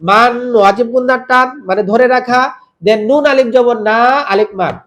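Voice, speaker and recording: A man teaching Quran recitation rules, spelling out each letter and vowel mark and then drawing the words out slowly in a chanted style, asking the listener to repeat. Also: very high-pitched, steady tone, fairly bright tone. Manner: asks the listener to repeat after him. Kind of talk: step-by-step tajweed lesson.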